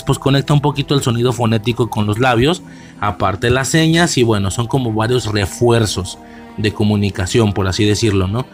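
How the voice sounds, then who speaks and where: Slangy low-voiced Mexican man. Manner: rambling, slangy, frequent fillers and restarts. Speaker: movie reviewer. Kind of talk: casual film commentary.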